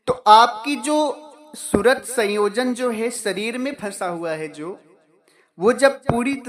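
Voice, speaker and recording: A man with a high, slightly bright voice gives a devotional sermon as a spiritual teacher. He repeats key phrases and poses questions that he then answers himself.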